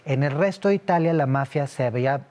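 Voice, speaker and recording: A man's voice: on the high side, fairly quick, a little mellow. A middle-aged man who grew up in Italy, giving long explanatory answers as a guest in an interview, with frequent fillers and restarts. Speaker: interview guest, security analyst.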